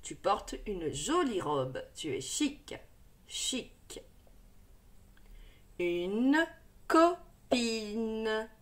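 A woman's voice: on the high side, sing-song, very slow. A woman teaching a first-grade reading lesson, sounding out each letter and syllable carefully and encouraging the child. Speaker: primary school teacher. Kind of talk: slow, deliberate reading lesson for young children.

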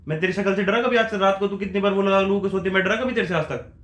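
A man pranking his wife at home, bickering in a gruff, stubborn way. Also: sits high, steady tone, racing, fairly bright tone, reverberant, soft background music. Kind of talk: staged prank banter. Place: bedroom at home.

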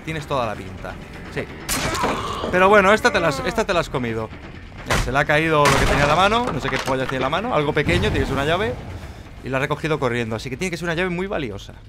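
A man giving live, mocking commentary while playing a horror game, jumping between loud outbursts and low muttering. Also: big pitch swings, fast talker, noisy background. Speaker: gameplay streamer.

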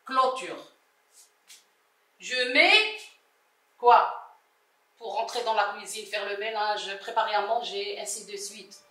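A woman teaching a primary reading lesson, sounding out syllables slowly and repeating each word. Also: medium pitch, pushed and bright. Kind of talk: slow, deliberate reading lesson. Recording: roomy, from a distance, faint music.

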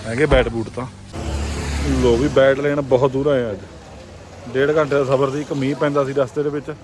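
A man's voice: mid-range voice, level tone, a little fast, noisy background. A man with a Punjabi accent hosting a casual vlog, narrating and bantering on the go. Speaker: vlogger hosting the video. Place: on the move, in a vehicle and outdoors.

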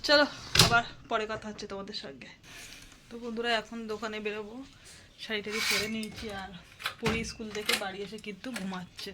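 A woman's voice: mid-range voice, little pitch movement, fast. A woman, a mother chatting casually to viewers at home about her day and chores. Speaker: vlogger and mother. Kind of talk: casual daily vlog narration. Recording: noisy home recording.

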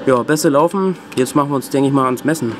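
With a mid-range voice and a fast pace, this man narrates an informal vlog about his work as a PA sound technician. He speaks off the cuff in the venue's indoor rooms and cellar while hum and room noise run underneath.

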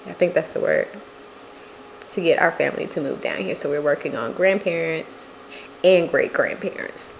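A woman's voice: lowish voice, noisy background. An American woman chatting casually and candidly to viewers in a family vlog. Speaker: family vlogger.

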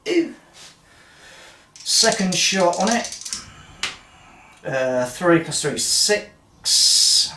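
Tabletop player slowly counting dice out loud, voice bouncing up and down, mic kinda far off. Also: mid-range voice, animated, a little hiss or hum. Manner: mutters dice sums, hums and talks to self. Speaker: solo tabletop wargame player. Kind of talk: casual play-by-play of dice rolls. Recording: roomy sound from a distant mic.

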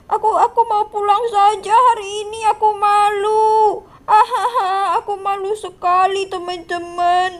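A woman voicing a teased, lonely monster schoolkid with a whiny, plaintive way of talking in a game role-play. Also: very high voice.

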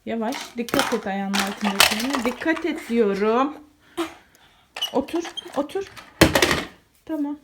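Chatty high-pitched mom vlogger. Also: female voice, a little slow, few pauses. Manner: chatty, switching to doting baby talk with her son. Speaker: vlogger mother. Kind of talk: casual home vlog. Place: home. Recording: loud background noise.

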